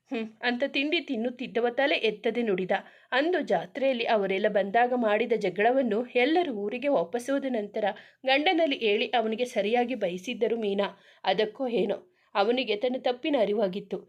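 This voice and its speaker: A woman narrating a serialized story in a steady, even reading voice. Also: on the high side, muffled recording.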